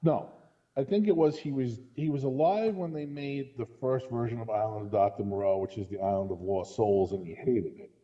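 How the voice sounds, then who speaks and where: Here a man with a warm, medium-pitched voice chats briskly about films as a podcast guest, conversational and opinionated throughout. Sound quality is dull and lo-fi.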